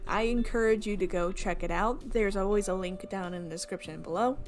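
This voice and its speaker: A woman reads a visual novel's narration at a brisk pace, her medium-pitched voice staying steady, while hosting a gaming video. She often trips over words and fixes them, with faint music in the background.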